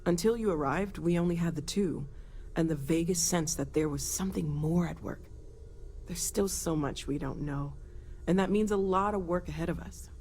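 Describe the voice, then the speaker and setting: Playing a kind, thoughtful young scientist in a video game, an actress delivers scripted lines with earnest, hesitant awkwardness. Her fairly low voice has a dark tone and moderate pace, lightly acted, over clearly audible ambient noise.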